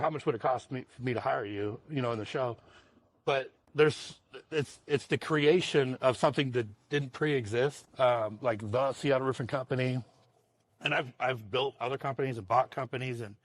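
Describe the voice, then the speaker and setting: A roofing company owner from Washington state, USA, answers interview questions in a loose, rambling manner, repeating words and chuckling often. His voice is medium-pitched, with no room sound.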